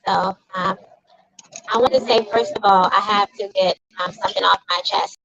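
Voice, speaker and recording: A woman's voice: medium pitch, fairly even intonation, normal speed, creaky, a crowd in the background. A woman in her forties speaking as a grieving sister at an outdoor rally in the rain, emotional and at times angrily accusing. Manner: emotional, rising to angry accusing outbursts. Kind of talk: impassioned protest speech. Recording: dull lo-fi recording.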